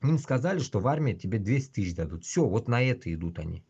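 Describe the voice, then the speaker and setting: A man with a husky voice, ranting casually and bluntly on a livestream with constant swearing. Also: on the low side, sing-song, fast, darkish tone, lo-fi sound. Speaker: livestream host. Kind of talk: casual rambling livestream rant.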